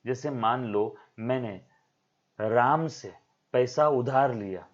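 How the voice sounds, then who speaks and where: A man's voice: mid-range voice, slow. Man teaching accounting. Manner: explains by repeating key terms, asks rhetorical questions; talks to students as to his own children. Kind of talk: recorded classroom lecture. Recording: dull lo-fi lecture recording.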